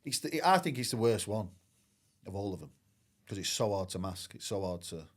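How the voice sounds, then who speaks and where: A middle-aged former professional footballer, guesting on a casual storytelling interview, tells his story candidly and at length. His voice sits on the low side with lively intonation and a moderate pace, and he keeps saying "I says" and "like."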